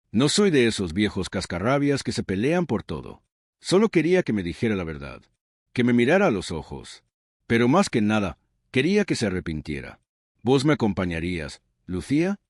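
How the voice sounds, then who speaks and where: A man's voice: on the low side, sing-song, fairly quick, dry recording, studio quality. An older man with a Rioplatense Spanish accent, narrating a scripted story in a reflective, earnest way.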